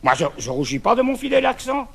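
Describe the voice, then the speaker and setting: A man's voice: very high voice, big pitch swings, fast talker, gravelly. A man with a Brussels accent in a comic sketch, emphatically reciting verse in praise of his accent. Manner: emphatic, proud. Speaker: comic performer.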